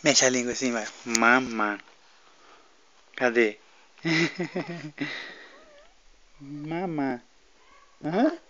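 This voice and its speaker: A man's voice: mid-range voice, fairly bright tone, a little hiss or hum. A man coaxing his baby to talk, repeating words in a sing-song, teasing way at home. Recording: dull lo-fi home video.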